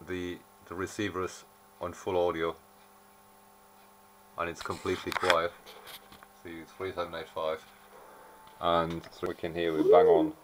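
Recorded on a camera mic in a small indoor workshop, an amateur radio repairer talks through a technical job at his electronics bench without a script, with clear background noise beneath his very low voice. He's monotone and unhurried, leaving long pauses as he works things out aloud in a matter-of-fact way, and the recording is low quality.

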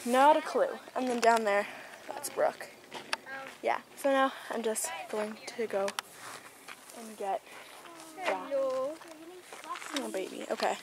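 Speaking slowly in a fairly high voice and pausing often, a woman shows viewers around a horse barn and its grounds in a handheld vlog. The camera audio is noisy, and her casual narration wanders and trails away.

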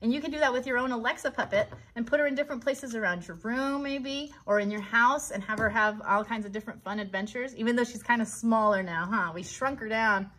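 The recording is rough, and the American woman in her thirties speaks fairly quickly with few pauses, her voice a little high and fairly bright. As a children's craft host and puppeteer, she leads a live tutorial on an indoor child's bedroom set, chatting and encouraging the kids directly.

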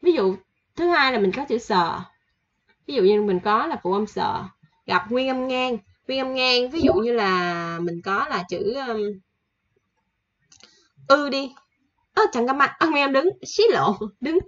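A woman teaching a casual online language lesson, chatty and repeating each example slowly with fillers. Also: on the high side, lively intonation, a bit bright, muffled recording.

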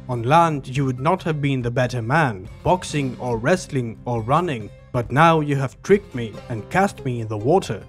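A boastful young mouse warrior from an old storybook epic, spoken with grand, formal recitation as a man reads him aloud. The pitch sits in a plain middle range. Soft music plays underneath. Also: lightly acted. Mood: indignant.

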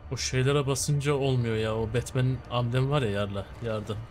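Relaxed young man chatting over gameplay. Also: medium pitch, fairly quick, soft background music. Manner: relaxed, slangy banter with a friend. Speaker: gaming channel host. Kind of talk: casual co-op gameplay commentary.

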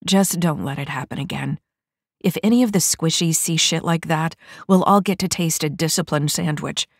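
A blunt, hard-edged female mech corporal, as a woman narrator puts her on in an audiobook story. She growls her orders in a low voice. Dry, close sound. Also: moderate pace, no room sound. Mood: gruff. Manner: growling, gruff.

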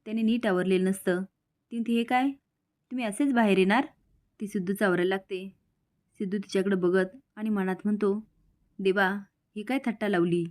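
Woman, serial-recap narrator; even storytelling voice with dialogue read in. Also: medium pitch, brisk, long pauses. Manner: steady storytelling, reads characters' lines in quotes.

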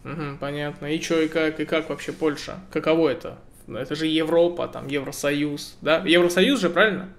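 A man's voice: fairly high pitch, fairly even intonation, moderate pace, hardly any pauses. A man in his twenties chatting and joking with strangers over a video call, laughing often. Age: 20s. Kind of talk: casual video chat. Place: indoor room, seated in a chair. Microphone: webcam video call.

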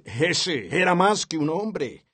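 A man's voice: a little high, big pitch swings, slow pace, noisy background. A man dubbing a sermon as an interpreter, earnest and following the preacher's rhythm, on a close studio mic. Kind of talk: dubbed sermon translation.

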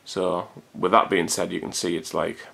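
A deep-voiced man in his thirties talks to a home camcorder, loose and rambling. His voice sits low with a gravelly fry running through it, and he swears now and then in an easy, everyday way. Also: flat delivery, normal speed, pushed and bright. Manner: rambling, chatty, swears casually. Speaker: vlogger. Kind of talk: casual chat to camera. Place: hot room at home. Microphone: camcorder built-in mic.

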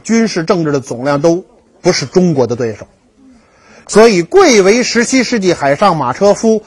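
A man's voice: sits high, slightly rough. A man giving a history lecture to a class, telling stories with jokes and acting out the dialogues. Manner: storytelling, jokey, acts out dialogues.

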